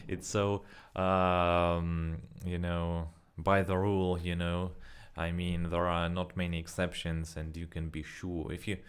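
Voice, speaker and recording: A young man who isn't a native English speaker chats loosely in a deep, clear voice for a casual speaking-practice vlog. His delivery is flat and slow, rambling along with frequent fillers, self-corrections, and restarts.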